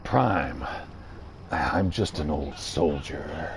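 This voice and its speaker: A man putting on the low, solemn voice of a gruff old male robot soldier. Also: lively intonation, drawn-out words, slight background noise, exaggerated voice.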